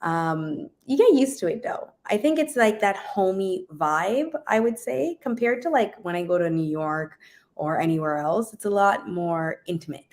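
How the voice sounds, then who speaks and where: A woman from Jamaica, a guest DJ, chatting casually in an interview, relaxed and laughing often, trailing off with ums. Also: mid-range voice, normal speed.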